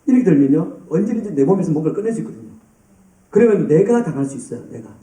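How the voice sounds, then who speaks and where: A man preaching a sermon to a youth group, lively and addressing students by name. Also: a little high, rapid-fire. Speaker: pastor. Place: church hall. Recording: roomy, distant church hall sound.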